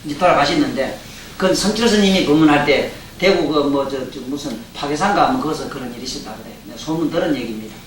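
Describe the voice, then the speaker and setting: This dharma lecture comes from an older man with a Gyeongsang accent whose voice is on the high side and who talks fast. Folksy and joking, he often puts questions to his listeners. It's recorded in a roomy lecture hall from a distant mic, with a faint hiss.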